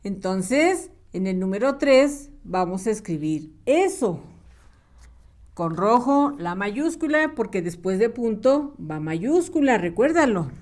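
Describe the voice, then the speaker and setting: A woman teaching young children to read and write, patient and clear, drawing out her words in a sing-song way. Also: medium pitch, very animated, slow, darkish tone. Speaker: primary school teacher. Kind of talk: slow, clear early-reading lesson for small children.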